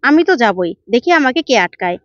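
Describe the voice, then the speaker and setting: A woman's voice: fairly high pitch, sing-song, quick pace, no room sound. A woman voicing a headstrong middle-aged mother who talks insistently and indignantly, in a dull, dry recording.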